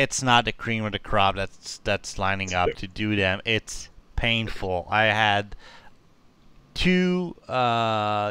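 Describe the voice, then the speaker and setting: Crisp bright-voiced podcast man. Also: lowish voice, no room sound. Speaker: podcast co-host. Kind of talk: casual gaming podcast chat.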